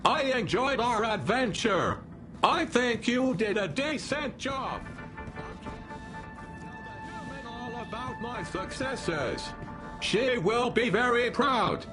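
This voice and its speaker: An actress voicing a small, eager toy-like robot in a video game, speaking in stilted, literal phrases with naive pride. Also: female voice, a little high, expressive, slow pace. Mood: earnest, pleased. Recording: music behind the voice.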